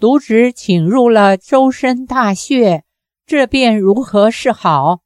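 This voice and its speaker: An earnest middle-aged fighter pleads urgently, full of worry, as a woman reads his part. The delivery is slow and the sound dry and close. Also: a little high, darkish tone, no room sound. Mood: anxious.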